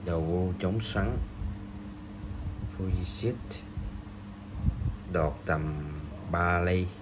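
Slow, deep-voiced man. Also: noisy background. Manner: slow, hesitant, many pauses and fillers. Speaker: fishing gear reviewer. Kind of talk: product review voice-over.

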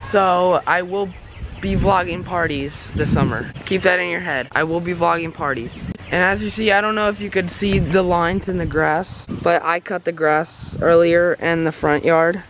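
A man's voice: high-pitched, normal speed, noisy background. A young man in his late teens chatting casually in a home vlog, rambling with lots of fillers and self-corrections. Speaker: vlogger.

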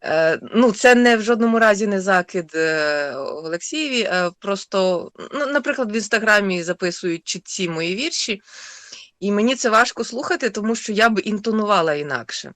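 A woman, the author of a text, talking thoughtfully on a radio show with many pauses and fillers. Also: medium pitch, animated, fairly bright tone, no echo. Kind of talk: radio studio discussion.

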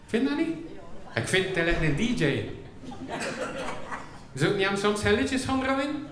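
A man's voice: high voice, big pitch swings, moderate pace. Flemish man joking with a care home crowd. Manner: chatty, teasing, keeps asking the audience questions. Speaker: comedian hosting a show for care home residents. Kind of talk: live comedy and game show banter with the audience. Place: care home hall with residents. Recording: echoey hall with audience murmur.

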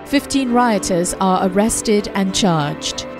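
A woman narrating a history documentary in a measured, scripted delivery. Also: mid-range voice, lively intonation. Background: music.

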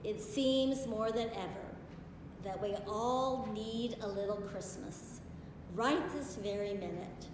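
A woman in her sixties preaching a sermon from a pulpit in a large stone church, in a slow, measured way with solemn pauses. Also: mid-range voice. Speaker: pastor. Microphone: far camera. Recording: echoey church from far off, hiss.

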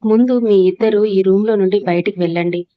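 A woman's voice: medium pitch, brisk, no echo, narrow, tinny audio, lightly acted. A woman reading as a furious young wife. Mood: angry. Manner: shouting angrily.

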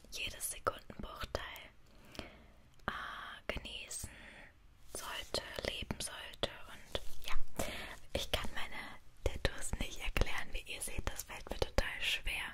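A woman in her twenties speaking in a soft, breathy whisper, chatting casually in an unhurried, hesitant ASMR style close to the microphone. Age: 20s. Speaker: ASMR video creator. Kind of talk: whispered ASMR, casual personal chat to viewers. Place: small indoor room. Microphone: close stereo microphones on either side.

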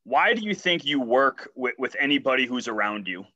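Bright-voiced male reporter, lo-fi line. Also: medium pitch, very animated, brisk. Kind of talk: press conference question.

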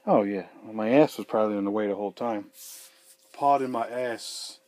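The voice is fairly low and a little mellow, moving at a moderate pace. It belongs to a man in his thirties fixing a sink in a small basement room, who casually rambles and swears freely while narrating a how-to video to a fixed camera set a few feet away.

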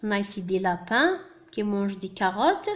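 A woman teaching a primary school French lesson, reading words slowly and clearly, spelling out sounds and quickly translating each line. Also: medium pitch, sing-song.

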